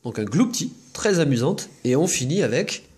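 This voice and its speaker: A man opening trading card packs for a casual video names each card and adds a quick comment, chatting all the while. His voice is fairly high and sing-song, a little mellow and slightly rough.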